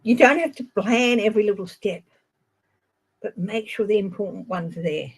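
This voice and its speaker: Husky Australian woman reading tarot. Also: mid-range voice, moderate pace, low-quality recording. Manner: gentle, chatty, addresses viewers by name. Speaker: tarot reader. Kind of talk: live-stream tarot reading.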